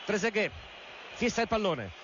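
Male football radio commentator, very high-pitched, dramatic and emphatic; muffled lo-fi sound with faint noise. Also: moderate pace. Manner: emphatic, repeats key phrases, clipped build-up to excited cries. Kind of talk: live Italian goal commentary, dramatic. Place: stadium commentary position in Berlin.

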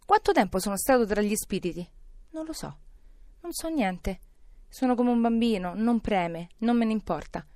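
A woman's voice: a little high, lively intonation, normal speed, a little mellow, no echo, clean studio sound, natural voice. A woman voicing an elderly man, a reformed miser, overjoyed and breathless, exclaiming between laughter and tears. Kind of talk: audiobook character reading.

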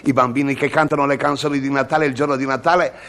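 A man's voice: mid-range voice, level tone, fast talker, a bit bright. A man playing a wry, mock-innocent cameraman in an old radio comedy sketch, slipping in laughing asides.

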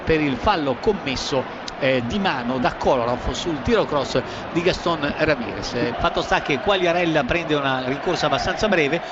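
A man's voice: on the high side, normal speed. A man giving breathless live football goal commentary, repeating himself as he follows the play. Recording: dull lo-fi, noisy stadium crowd. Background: loud crowd.

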